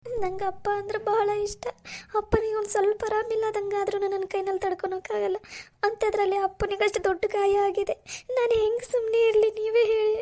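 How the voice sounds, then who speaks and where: Young daughter, cartoon, crying, frightened, very high. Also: female voice, flat delivery, fairly quick, dark tone. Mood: distraught.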